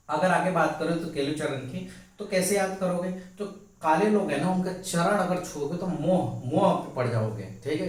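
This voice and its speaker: A male teacher giving an exam-prep lesson, repeating key words and asking the class rhetorical questions. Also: on the high side. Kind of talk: Hindi exam-prep lesson with memory tricks. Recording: very echoey room, mic at a distance.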